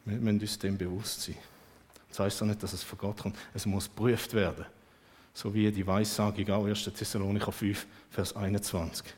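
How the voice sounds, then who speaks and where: A man preaching a sermon, lively and emphatic, with sudden swings in loudness. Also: on the low side, normal speed.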